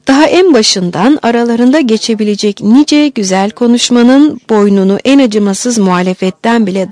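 A woman narrating a classic novel as an audiobook in a steady storytelling manner. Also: mid-range voice.

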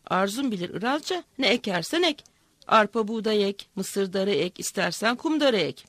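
A woman's voice: mid-range voice, expressive, normal speed, no room sound, natural voice. A woman doing a patient male tax collector.

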